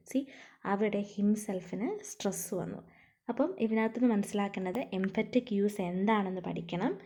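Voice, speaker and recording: A woman English teacher with a Malayali accent, explaining grammar rules in a lecture. She dictates English slowly and then explains quickly, repeating key phrases with strong emphasis. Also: medium pitch, dark tone. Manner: switches between slow dictated English and rapid Malayalam explanation.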